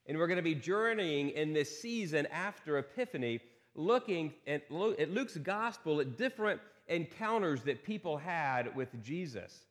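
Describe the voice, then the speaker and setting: A man's voice: fairly high pitch, expressive, normal speed, few pauses, long reverb tail. A man preaching a sermon as pastor at a pulpit microphone in a church, earnest and repeating key lines with rhetorical questions. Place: church sanctuary.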